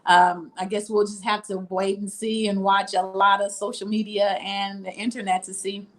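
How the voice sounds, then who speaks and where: A woman's voice: mid-range voice, flat delivery, moderate pace. A woman from Mississippi, a boutique owner, talking casually in an interview over a video call with frequent ums.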